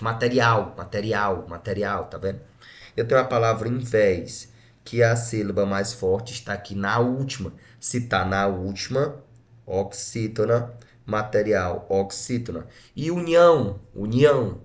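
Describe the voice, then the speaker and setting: A Brazilian man teaching a grammar lesson, splitting words syllable by syllable and checking in with short tag questions. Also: fairly low pitch. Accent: Brazilian Portuguese. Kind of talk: exam-prep grammar lesson.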